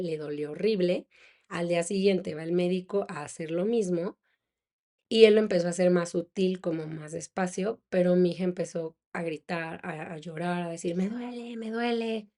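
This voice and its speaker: A woman's voice: on the low side, dark tone. A woman, a psychologist hosting a podcast, talking conversationally and reflectively with small laughs and fillers. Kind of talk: casual monologue on parenting.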